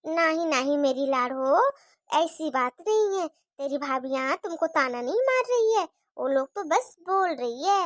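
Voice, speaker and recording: A woman's voice: high-pitched, lively intonation, a little slow, no echo, clean studio sound. A woman voicing a fond, worried older mother-in-law in a cartoon story, fussy and chatty.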